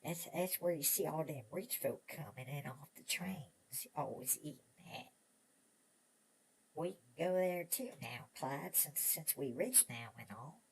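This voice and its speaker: An actor playing an excitable, chatty old prospector with an American Old West drawl, stammering and rambling in a Western audio drama. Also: male voice, fairly high pitch, unhurried, creaky, slightly rough, full character voice. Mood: eager, rambling. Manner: rambling, stammering, repeats words, chuckling old prospector talk.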